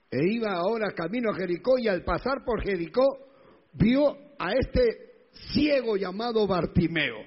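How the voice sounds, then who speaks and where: A man's voice: sits high, slightly rough. A male pastor preaching a sermon emphatically, with rhetorical questions and repetition. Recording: echoey hall, dull lo-fi sound.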